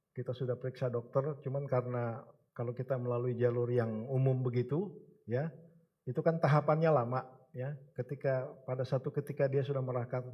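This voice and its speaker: A middle-aged man from Indonesia preaching a sermon with a personal testimony, emphatic with the congregation and soft when recounting hardship. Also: medium pitch, highs cut off. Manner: emphatic, calls out to the congregation, then soft and halting while telling of hardship. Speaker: church elder preaching.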